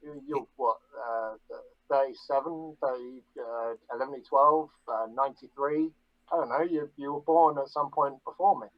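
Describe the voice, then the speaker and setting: A man's voice: mid-range voice, normal speed, dry recording. Boastful man on a dull lo-fi line. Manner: boastful deadpan, mock-grandiose. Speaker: guest. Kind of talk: casual podcast banter.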